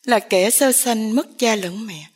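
A woman's voice: on the high side, a little slow. Woman voicing an anguished poor young man. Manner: agitated, despairing.

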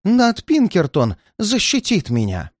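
Old man, terrified and paranoid, high and shaky, always near tears; a male reader puts him on. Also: huge pitch swings, measured pace, dry recording, clean studio sound, heavily acted. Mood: frantic, fearful. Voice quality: shrill, shaky, pleading. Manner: frantic outbursts, near tears. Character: frightened paranoid old man, shrill and tearful.

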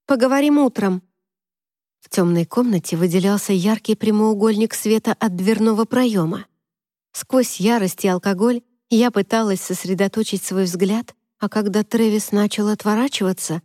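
A woman reading a first-person story aloud in steady, measured scripted narration on a close mic. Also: medium pitch, no echo. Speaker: audiobook narrator.

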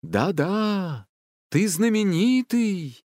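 Man doing a slow booming forest spirit. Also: sing-song, a little mellow, no echo, studio quality, exaggerated voice. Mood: theatrical.

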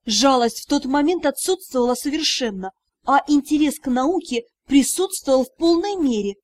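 Woman audiobook narrator, high voice, emotive reading, dry close mic sound. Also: animated, normal speed, darkish tone, no echo. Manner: emotive, dramatic. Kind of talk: expressive first-person narration.

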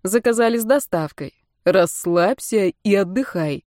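A woman reading the part of a calm male doctor who soothes and reassures his sister. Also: mid-range voice, a little slow, no echo, clean studio sound, lightly acted. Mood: soothing. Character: calm caring male doctor, protective older brother.

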